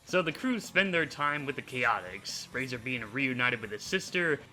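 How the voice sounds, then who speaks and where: A man hosting a video, narrating a character recap in an animated storytelling manner. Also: medium pitch, moderate pace, soft background music, low-quality recording. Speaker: host. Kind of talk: scripted narration.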